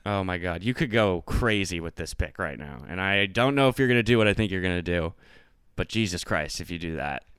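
Smooth-voiced man hosting a casual podcast. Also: deep voice, expressive, fairly bright tone, no room sound, clean studio sound. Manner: enthusiastic, swearing, quick asides. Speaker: podcast host. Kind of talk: casual chat.

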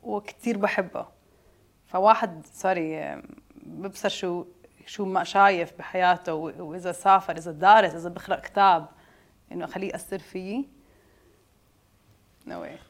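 A woman's voice: lowish voice, steady tone, a little fast. A woman with a Jordanian Arabic accent who mixes in English phrases, answering interview questions casually in a candid, self-assured way. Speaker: interview guest, detox juice business owner.

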